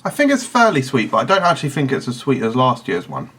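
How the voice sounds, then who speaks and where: A man's voice: medium pitch, wildly swooping pitch, fast talker, fairly bright tone, breathy edge. A man giving a casual product review in a blunt, picky, analytical manner. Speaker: snack reviewer. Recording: noticeable background noise.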